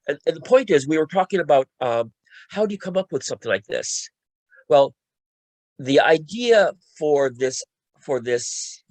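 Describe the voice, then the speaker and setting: A medium-pitched man, recorded with no echo, talks casually on a panel as a radio play co-writer. Recounting the creative process, he often repeats himself and restarts phrases.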